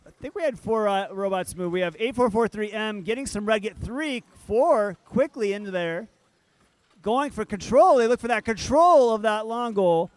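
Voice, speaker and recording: A man's voice: high voice, expressive, moderate pace, dry recording. A man announcing and commenting on robotics competition matches, upbeat and joking with the teams. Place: event hall.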